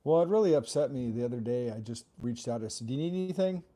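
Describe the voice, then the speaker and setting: An earnest man with a mellow, dark-toned voice co-hosts a casual livestream chat. He speaks with sympathy and reads viewers' comments aloud. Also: medium pitch, expressive, quick pace. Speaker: co-host.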